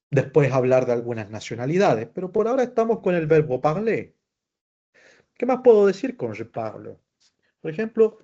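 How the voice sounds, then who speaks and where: A man's voice: medium pitch, vocal fry, warm tone, lo-fi sound. A man teaching French in an online lesson, explaining patiently and repeating each example phrase several times.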